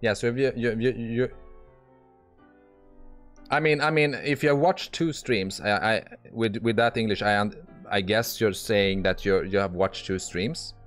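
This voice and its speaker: A man's voice: on the low side, unhurried, soft background music. A man commentating live as he plays online poker, blunt and exasperated, swearing and restarting his sentences often. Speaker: poker streamer.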